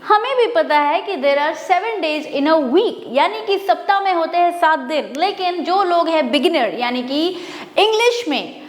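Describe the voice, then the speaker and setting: Woman, Indian accent, high voice, energetic teacher, echoey room with long reverb. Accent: Indian English. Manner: energetic, mixes Hindi and English, drills words slowly. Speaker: English pronunciation teacher. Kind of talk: Hinglish teaching to camera.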